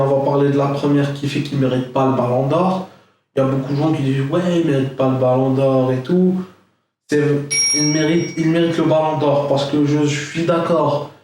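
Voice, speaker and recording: A young man rambles through a casual football reaction, chatty and loaded with fillers. His voice sits fairly high. He sounds well back from the mic in a strongly echoing room. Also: darkish tone. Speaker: football vlogger. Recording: echoey room, far from mic.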